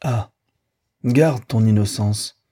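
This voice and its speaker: A man's voice: on the low side, slow, dark tone, breathy edge. A man voicing a young lover in an audiobook, hurling accusations in a bitter, accusing way and then turning cold. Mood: indignant. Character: young man, jealous and coldly wounded lover.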